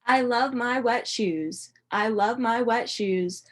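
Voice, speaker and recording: A woman reading a picture book to young children like a teacher, expressive and questioning, with dramatic emphasis and a slightly husky voice. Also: fairly high pitch, a little hiss or hum. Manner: animated, expressive storytelling with dramatic emphasis and pauses. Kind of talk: interactive children's read-aloud, asking questions.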